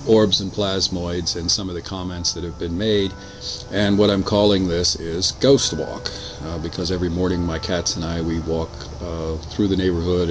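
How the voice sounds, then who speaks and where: A man casually narrating his own photos in a measured, matter-of-fact way, without a script. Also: sits low. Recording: clearly noisy home recording, steady hum.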